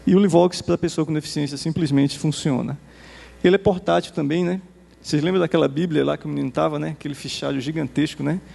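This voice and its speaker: Brazilian guy giving a conference talk, super gravelly voice, long echo off a big hall. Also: on the high side, steady tone, mellow. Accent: Brazilian Portuguese. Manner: conversational, tags nearly every phrase with a quick "né?". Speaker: presenter demonstrating software. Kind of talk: conference presentation to teachers. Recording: reverberant hall.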